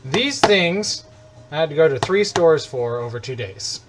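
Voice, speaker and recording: Over music and the clear noise of sizzling and frying, an American man hosts a live cooking stream from his home kitchen. His fairly high voice is animated but measured in pace as he rambles casually and cracks jokes while cooking.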